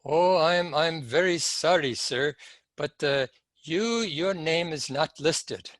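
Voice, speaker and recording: A man voicing an excitable male airline clerk in a retold story, apologetic and then eager. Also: on the high side, slow, no room sound.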